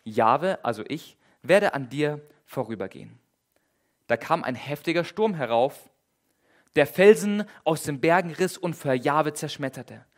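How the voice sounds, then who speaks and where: A man with a fairly high voice delivers a sermon in a casual, lively manner. He retells scenes dramatically, leans on repeated phrases and talks straight to his listeners. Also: a little slow. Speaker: preacher.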